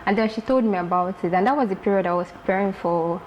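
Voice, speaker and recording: Lively Nigerian-raised woman designer. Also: medium pitch, quick pace, muffled recording, a little hiss or hum. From Lagos, Nigeria. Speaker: fashion designer, guest. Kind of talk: casual interview talk.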